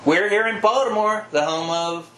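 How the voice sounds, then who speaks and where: A man's voice: high voice, moderate pace, pushed and bright. A man co-hosting a casual, conversational talk show about wrestling. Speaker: podcast co-host. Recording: echoey room, faint background noise.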